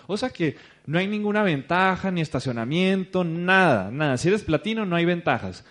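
A young man with a Mexican accent giving a motivational talk to a seated audience, telling his story with lively bursts of emphasis. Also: high-pitched, normal speed, soft background music. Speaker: seminar speaker. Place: stage before a seated audience.

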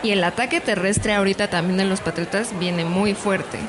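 A woman's voice: mid-range voice, normal speed. A woman giving casual sports analysis as a panelist in a conversation. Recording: clear ambient noise behind voice.

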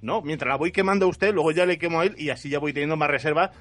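A man's voice: on the high side, racing, fairly bright tone, no echo. A man improvising a comic story in the first person, rambling and repeating his words as he goes. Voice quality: bearded. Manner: rambling, repeats words, laughs while telling. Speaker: improv player.

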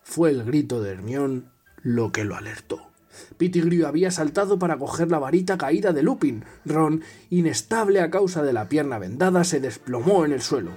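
A man's voice: on the high side, animated, moderate pace, darkish tone, slightly rough. A man reading a novel aloud, taking turns with a partner, telling it dramatically and dropping to a whisper in tense moments. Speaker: reader.

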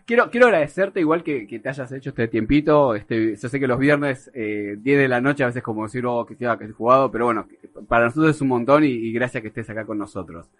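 A man's voice: medium pitch, lively intonation, fast. Man, radio host, rioplatense accent, rambling, repeats himself. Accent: Rioplatense Spanish. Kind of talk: radio interview.

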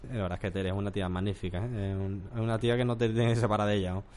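A man guest in a casual chat, talking excitably and acting out the voices he quotes. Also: fairly low pitch, rapid-fire. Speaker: actor guest.

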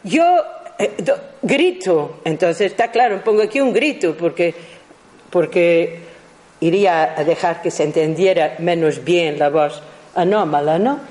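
A speaker slowly explaining their own recordings to an audience, halting often and correcting themselves as they go. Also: mid-range voice, a little mellow, poor audio. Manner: halting, with frequent restarts and self-corrections; explains as to a class. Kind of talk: slow explanatory talk.

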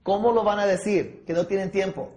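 This sales trainer, a man, role-plays objections with his audience, drops in English words, and keeps checking that people follow along. He speaks briskly in a high, slightly mellow voice with fairly even intonation, in an echoey room.

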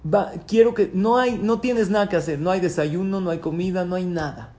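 A man, a rabbi, giving a sermon, teaching through questions and answers, now pleading loudly, now dropping to soft asides. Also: high voice, a little fast.

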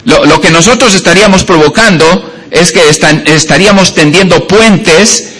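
A man's voice: high-pitched, moderate pace, fairly bright tone. A male pastor preaching a sermon, telling homely stories and jokes with many hesitations and fillers.

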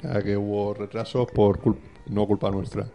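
A man hosting a radio show, relaxed and laughing as he wraps up. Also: lowish voice, normal speed, soft background music. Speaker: radio host. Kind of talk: casual radio chat.

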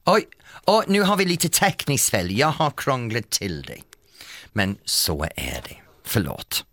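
Playful male radio host, lively pitch. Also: dry recording, clean studio sound. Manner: playful, chatty, self-mocking. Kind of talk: casual radio chat. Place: radio studio.

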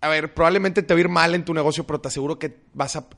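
A man's voice: on the high side, very fast, vocal fry, a bit bright. A young man with a Mexican accent, a finance author chatting casually as a podcast guest, slangy and emphatic as he ticks off points.

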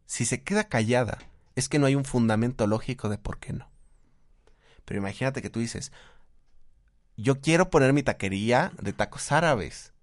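Mexican man, advice-giver, lively delivery, acts out voices, quick laughs. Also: medium pitch. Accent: Mexican Spanish. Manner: animated, acts out quoted voices, laughs often. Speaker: guest speaker, therapist. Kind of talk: casual conversational advice.

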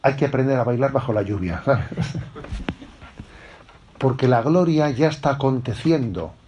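A middle-aged bishop from gives a spiritual retreat talk, speaking at an ordinary pitch. He preaches conversationally and keeps checking in with his listeners through short tag questions. A faint hiss runs under his voice. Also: lively intonation, moderate pace, mellow, muffled recording.

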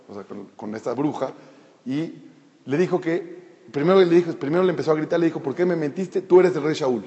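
A man teaches a Torah lesson in a slightly higher voice that is dark, mellow and a bit husky. He tells the story freely, repeating words as he thinks and explaining terms along the way. The recording carries a long hall echo and sounds dull and lo-fi. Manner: explains Hebrew terms to listeners, adds a joke. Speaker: religious teacher.

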